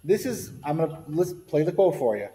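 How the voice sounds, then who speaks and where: A man's voice: on the high side, sing-song, fairly quick, warm tone. Rambling man on sports radio, echoey. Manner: rambling, many restarts, swears. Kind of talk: casual sports chat.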